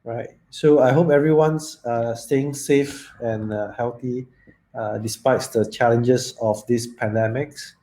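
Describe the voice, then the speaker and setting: A man with a soft, dark tone and mid-range pitch opens a conference session. He speaks haltingly, with non-native phrasing, as he welcomes an online audience and explains the proceedings. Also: steady tone.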